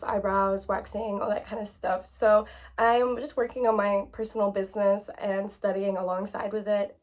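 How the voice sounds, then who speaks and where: A woman in her late twenties speaks straight to her audience in a casual vlog. Her voice sits a little high, and her talk runs loose and chatty with plenty of fillers. She sounds candid and heartfelt, as if tears are never far off. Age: 20s. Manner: emotional, close to tears at times. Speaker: YouTuber. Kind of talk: casual talking-to-camera vlog.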